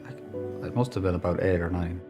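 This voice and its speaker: A man's voice: deep voice, normal speed, music in the background. A man with an Irish accent, reflecting candidly on his life in a documentary interview. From Ireland.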